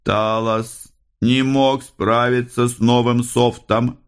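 A man's voice: mid-range voice, little pitch movement, takes it slowly, clear, resonant tone, voice pushed up, close to an everyday voice. A man voicing a disturbed male detective who mumbles obsessively, his speech slurred.

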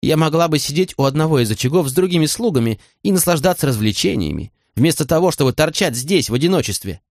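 A man's voice: a little high, expressive, drawn-out words, no room sound, clean studio sound, pitched above the performer's own voice, exaggerated voice. A man voicing a bitter young serving woman. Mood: reproachful. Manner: cool and clipped, then pouring out reproach. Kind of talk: audiobook character voice.

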